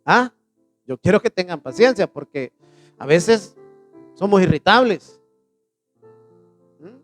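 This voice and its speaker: High-voiced preacher man in church. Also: very animated, faint music behind. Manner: asks the congregation questions and answers them; reads scripture slowly and emphatically. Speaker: pastor. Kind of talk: sermon.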